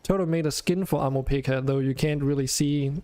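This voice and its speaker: A man's voice: fairly high pitch, steady tone, fairly quick, warm tone, no room sound. A man hosting a game stream, chatting casually and thinking aloud with some hesitation. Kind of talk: casual chat while playing a game.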